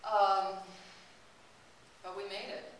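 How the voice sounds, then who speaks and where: Speaking slowly in a mid-range, level voice, a woman gives a personal travel talk in an echoey hall, telling stories in a chatty way and laughing often. The recording sounds distant, roomy, and hissy.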